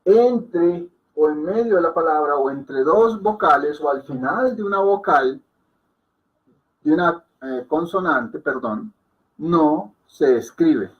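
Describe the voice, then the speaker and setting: Man, teacher, patient explanations, repeats words, fairly high voice, dull lo-fi sound. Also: animated, slow pace. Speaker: Hindi teacher. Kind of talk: explaining to a class.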